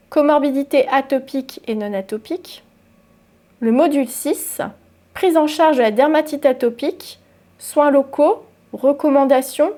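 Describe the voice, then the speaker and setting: A woman presenting a medical e-learning course in scripted narration, with a measured delivery that runs through lists. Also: high voice, dark tone.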